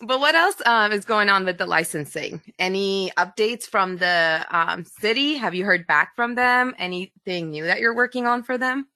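A woman co-hosting a casual podcast chat, telling stories with animated acted-out voices and frequent laughter. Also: medium pitch, moderate pace, hardly any pauses, dry recording. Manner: animated storyteller, acts out voices, laughs often.

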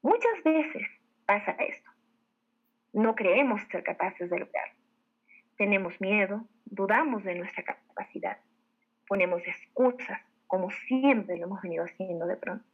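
Husky woman giving a tinny pep talk. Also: mid-range voice, measured pace. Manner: animated, rhetorical questions, addresses listeners directly. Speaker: network marketing leader. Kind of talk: motivational talk to a team. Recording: tinny phone-like audio.

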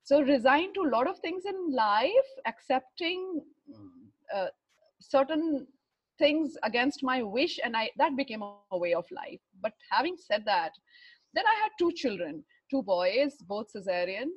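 A middle-aged woman from Bihar with an educated Indian accent, telling her life story in a halting, reflective way, searching for words. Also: high-pitched, animated, husky, no room sound, lo-fi sound. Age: 40s or older. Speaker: interview guest, runner and fitness trainer. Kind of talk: personal life story in conversation.

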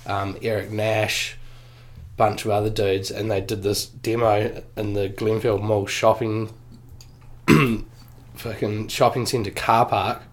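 A man in his forties with a New Zealand accent, a guest in a casual interview, talking in a relaxed, slangy way with lots of fillers. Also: fairly low pitch, slow pace. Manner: laid-back slangy, many fillers and swearing. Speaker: guest snowboarder.

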